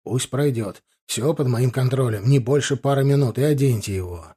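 A man voicing a gruff, brusque male doctor in an audiobook, speaking curtly. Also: mid-range voice, moderate pace, mellow, lightly acted. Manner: curt, brusque. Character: gruff middle-aged male doctor, sharp.

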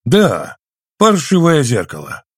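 A man voicing a grumpy, sarcastic old shopkeeper in an audiobook, grumbling his lines in a higher, louder voice. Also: huge pitch swings, slow pace, husky, no room sound, studio quality, full character voice. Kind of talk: audiobook reading.

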